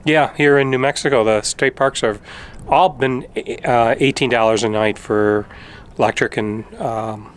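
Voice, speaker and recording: A middle-aged man talks through his travel vlog in a relaxed, informative way, dropping in the odd filler. He is outdoors, holding the camera at arm's length, and his voice sits at a medium pitch. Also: unhurried, clean tone. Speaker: travel vlogger. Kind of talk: casual travel vlog chat. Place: outdoors by a desert lake and campground. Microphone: camera held at arm's length.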